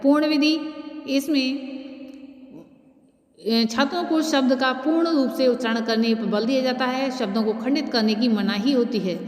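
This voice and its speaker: A woman with a slightly high voice lectures as a teacher, explaining each point in a steady, measured way. She slows down when she recites verses. Her voice rings out in a roomy space with a long reverb tail. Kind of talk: lecture explaining Sanskrit pronunciation methods. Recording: echoey room with long reverb.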